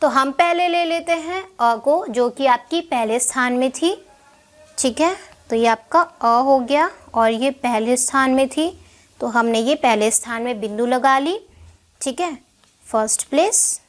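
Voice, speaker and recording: A young woman teaching a shorthand lesson step by step, patiently asking questions and answering them herself. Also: sits high. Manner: slow, patient, checks in with "ठीक है" often.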